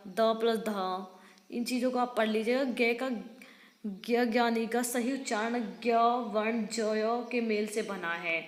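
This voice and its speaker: A woman teacher reading exam study notes aloud, with small slips and restarts and chatty asides to her students. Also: fairly high pitch. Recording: echoey room with long reverb.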